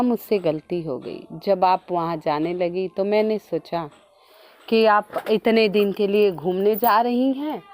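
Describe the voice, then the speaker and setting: A woman's voice: mid-range voice, darkish tone, a little hiss or hum, voice pushed up, close to an everyday voice. A woman voicing a remorseful young daughter-in-law pleading for forgiveness in a folk tale.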